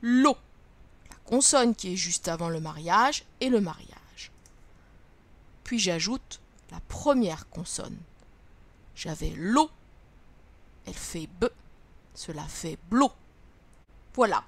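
Speaking in a lowish, expressive voice, this woman teaches first grade and walks young kids through reading by carefully and clearly sounding out each letter and syllable.

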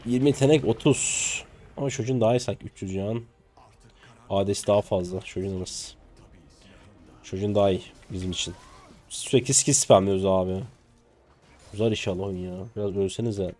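A man in his twenties from Turkey, commenting live on his own game play, excitable and jokey, with casual swearing and sudden high yelps. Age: 20s. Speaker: streamer.

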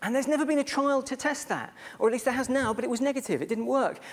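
A man's voice: very high voice, quick pace. A British man giving a conference talk on bad science, chatty and sarcastic, with many fillers and asides. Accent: British English. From Britain. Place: conference stage before an audience.

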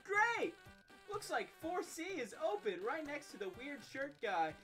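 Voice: sits high, sing-song, unhurried, a bit bright, faint music behind, voice pushed up, full character voice. A streamer voicing Oscar, a cheery and pushy male office coworker, in a bubbly, teasing voice. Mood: chipper.

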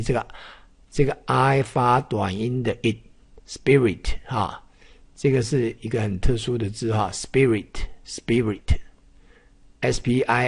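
Slow, patient male phonics teacher. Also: medium pitch. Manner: slow, repeats words many times, spells out letters. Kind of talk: classroom-style phonics lesson.

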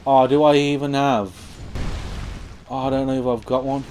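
A young man talks through his gameplay in a casual, sarcastic way, swearing freely and now and then shouting at the game. His voice sits at an ordinary middle pitch, recorded on a desk mic with faint game sounds underneath. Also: flat delivery, moderate pace, background noise. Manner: sweary, sarcastic, bursts into loud outbursts at the game. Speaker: gameplay commentator. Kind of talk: casual let's-play commentary.

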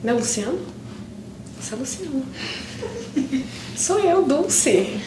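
On an indoor theatre stage, a young adult actress with a Brazilian accent improvises as an emotional woman pleading with a long-lost friend, speaking haltingly with pauses in a tentative, pleading mood. Her voice is high, very animated, and exaggerated. The stage recording sounds roomy, distant, and noisy.

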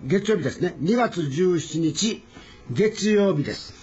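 Slow, husky male Korean teacher. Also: high-pitched, expressive, a little mellow. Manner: slow, drawn-out demonstration of vowel sounds. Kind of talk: recorded language lesson. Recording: dull lo-fi recording.

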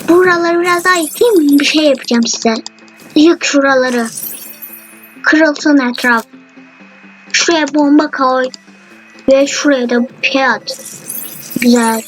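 A woman giving chatty, excitable commentary while playing a video game. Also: high-pitched, takes it slowly, pauses often, rough recording. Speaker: gamer. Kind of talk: gameplay commentary. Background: faint game music.

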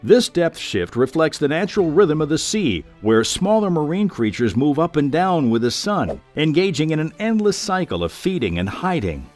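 A man reading scripted nature documentary narration in a measured, formal storytelling way. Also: a little high, big pitch swings, a little mellow. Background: background music.

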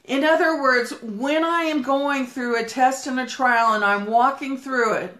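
Fervent high-voiced woman preaching. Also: a bit bright, echoey room. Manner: fervent, preacherly, breaks into prayer; talks fast while walking. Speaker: pastor teaching a Bible study. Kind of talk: livestreamed sermon teaching.

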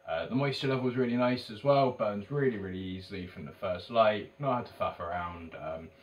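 A man's voice: fairly low pitch, brisk, dull audio. A man in his thirties with an English accent, giving a chatty, casual product review to camera, hesitant and trailing off at phrase ends. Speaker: tobacco shop video reviewer. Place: indoors, in a shop corner by a banner. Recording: distant mic with faint background noise.

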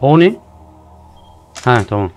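A man's voice: medium pitch, sing-song, slow, soft background music. A man doing live commentary while playing a horror game, jumpy and joking, cursing at the game. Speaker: streamer.

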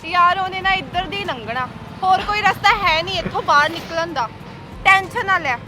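A young woman playing a brash, high-voiced tough biker girl. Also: normal speed, a loud crowd, very noisy. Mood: bossy. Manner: brash, teasing, sharp-tongued. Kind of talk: Punjabi short film acting.

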